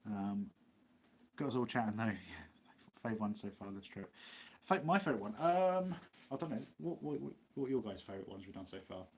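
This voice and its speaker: A man's voice: lowish voice, animated, fairly quick, darkish tone, a little hiss or hum. A man with an East Midlands English accent, hosting a casual live Q&A, chatty and rambling, laughing often. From Nottinghamshire, England. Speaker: livestream host.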